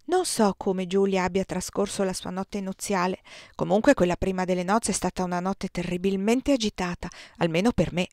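A woman reading a novel aloud as an audiobook, narrating in the first person at a calm, measured pace. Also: mid-range voice, no echo, clean studio sound. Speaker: audiobook reader.

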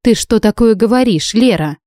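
A woman's voice: on the high side, lively intonation, normal speed, warm tone, dry recording, studio quality, pitched above the performer's own voice, natural voice. A woman doing a fretful, suspicious mother. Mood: worried. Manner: fretful, emphatic. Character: worried mother, fussy and suspicious.

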